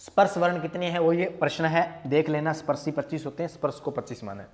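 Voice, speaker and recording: A young man with a higher, darkish voice moves quickly through a grammar quiz. He repeats every question, answers it himself, and echoes key terms as he teaches.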